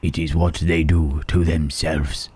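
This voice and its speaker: Man voicing Frankenstein's Monster, very husky and deep. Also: flat delivery, a little mellow, full character voice. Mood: brooding, wistful. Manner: slow, halting, solemn, formal phrasing. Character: Frankenstein's monster, gentle, brooding, melancholy creature. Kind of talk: ASMR roleplay acting.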